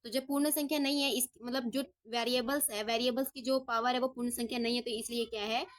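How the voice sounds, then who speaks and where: Woman maths tutor, slightly high voice, patient, asks and answers her own questions. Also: fairly even intonation, fast talker. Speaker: maths teacher. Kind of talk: step-by-step lesson.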